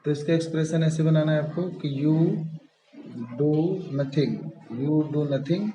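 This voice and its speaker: A man's voice: on the high side, little pitch movement, slow, warm tone, reverberant, slight background noise, poor audio. A man teaching English grammar step by step, patiently repeating key terms and checking in often. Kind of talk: step-by-step classroom explanation.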